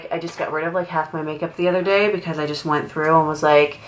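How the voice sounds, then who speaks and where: A deep, steady female voice comes through fast on a low-quality recording. The speaker is a young makeup artist with a cold-nasal sound, casually chatting at home while she does her makeup. It's rambling get-ready-with-me talk, loaded with "like."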